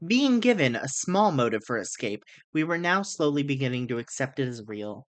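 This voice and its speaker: A man's voice: medium pitch, very animated, normal speed. A man reading a visual novel game aloud as dramatic narration, with casual asides. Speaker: amateur voice reader of a visual novel. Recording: music behind the voice.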